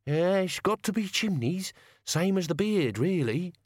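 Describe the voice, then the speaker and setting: A man's voice: sits high, lively intonation, measured pace, husky, no room sound, studio quality, pitched above the performer's own voice, full character voice. A man voicing a crabby, coarse old male servant with blunt, slangy talk. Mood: grumbling.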